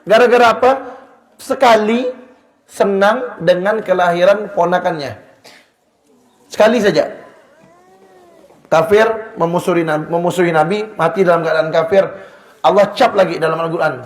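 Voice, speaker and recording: A man teaching an Islamic study sermon in a lively way, booming at some points and dropping to a hush at others. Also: moderate pace, pauses often, roomy sound. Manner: animated, shifts between loud emphasis and hushed low lines. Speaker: religious teacher. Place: Islamic boarding school hall.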